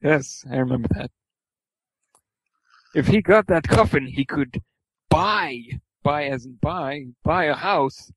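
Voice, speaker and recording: A man's voice: fairly high pitch, a little slow, long pauses, dry recording, rough recording. Man stumbling through a comic read-aloud. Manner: stumbling over words, swearing, laughing at the text. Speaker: reader. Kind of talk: comic reading of fan fiction aloud.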